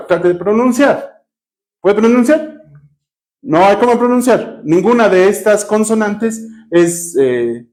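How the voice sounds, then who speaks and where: A man with a Cuenca Ecuadorian accent leads a Bible class with a slightly higher voice than most men. He questions his students often and spells out terms slowly as he writes on a board. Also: darkish tone. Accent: Ecuadorian Spanish, Cuenca. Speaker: Bible teacher.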